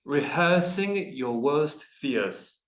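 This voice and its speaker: Slow, careful man in an echoey room. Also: a little high, expressive, fairly bright tone. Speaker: pronunciation student. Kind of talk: repeating phrases in a lesson.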